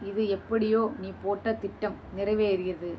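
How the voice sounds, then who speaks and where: A woman's voice: medium pitch, steady tone, moderate pace, warm tone, a little hiss or hum. A woman vlogger answering viewer comments in a combative, scolding and sarcastic way. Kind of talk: heated reply to comments.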